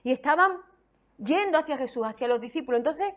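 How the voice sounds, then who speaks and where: A woman's voice: high voice, expressive, a little fast. A woman pastor from Spain preaching a sermon with a Spain Spanish accent, reading scripture expressively and asking the congregation questions.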